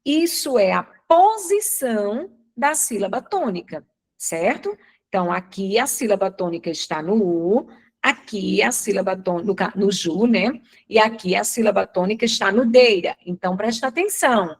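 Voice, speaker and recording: A woman's voice: medium pitch, animated, normal speed. A woman teacher from Brazil giving a live online grammar lesson, asking questions and answering them herself. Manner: didactic, asks and answers her own questions.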